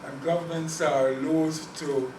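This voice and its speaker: In a measured, steady way, a Guyanese man with a slightly high voice talks academically about Caribbean languages and handles questions. He is earnest, repeating words as ideas form. Recorded from a distance in a noisy, echoing room.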